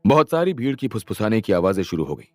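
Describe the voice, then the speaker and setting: A man's voice: on the low side, sing-song, fast talker, darkish tone, no echo, studio quality, soft background music. A man narrating an audio story with dramatic storytelling.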